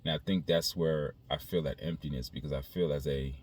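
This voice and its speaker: A man speaking in a casual, reflective monologue to his viewers, haltingly, repeating phrases as he thinks aloud. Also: extremely low pitch, fairly even intonation, darkish tone. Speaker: video creator.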